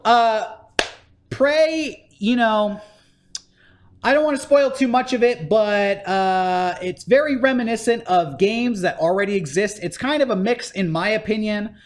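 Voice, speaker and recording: A man in casual podcast chat giving a game review, animated and swearing freely. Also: high voice, unhurried. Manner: animated, swearing, acts out scenes in mock voices.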